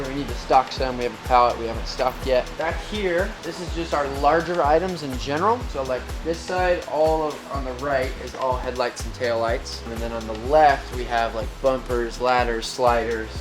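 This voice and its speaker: A man gives an informal walk-through tour as a manager, speaking in an off-the-cuff way at a middle pitch. Clear background music plays behind his casual talk. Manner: informal, off-the-cuff pointing things out. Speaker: warehouse manager giving a tour.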